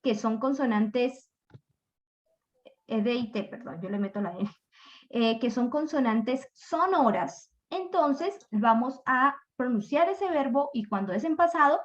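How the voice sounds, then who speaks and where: A patient woman teacher explains pronunciation at an unhurried pace, stretching out each example sound. Her voice sits a little high. The recording is dull and lo-fi. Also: animated. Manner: slow, patient, demonstrates sounds aloud. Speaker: English teacher. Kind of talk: classroom explanation.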